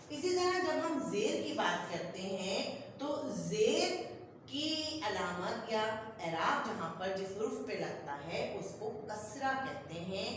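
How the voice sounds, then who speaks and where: A woman's voice: medium pitch, a little hiss or hum. A woman teacher patiently explaining a lesson to children, often checking they follow along. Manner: patient, repeats "okay child" as she explains. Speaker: school teacher. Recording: echoey classroom from far off.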